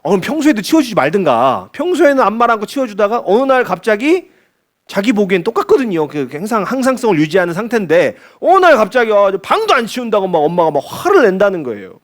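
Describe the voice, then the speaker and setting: Animated, high-voiced man preaching a sermon. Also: quick pace. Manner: conversational preaching with frequent rhetorical questions. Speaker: pastor. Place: church service.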